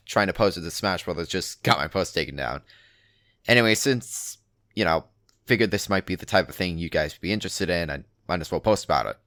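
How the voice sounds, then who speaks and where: A man's voice: sits low, pushed and bright, no room sound, studio quality. A man giving a dramatic reading of an online story in a casual, sweary, emphatic first-person way. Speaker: narrator reading a written forum post aloud.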